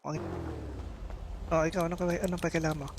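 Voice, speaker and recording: High-voiced bossy man in role-play. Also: level tone, a little fast, music in the background. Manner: bossy and commanding, snaps when challenged. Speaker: streamer playing a town mayor. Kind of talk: in-character role-play over game voice chat.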